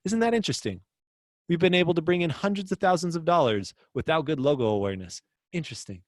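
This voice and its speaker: A man's voice: a little high, lively intonation, fast talker, no room sound, clean studio sound. A man hosting a casual livestream lesson as a business coach, chatty and upbeat, reading viewer comments aloud.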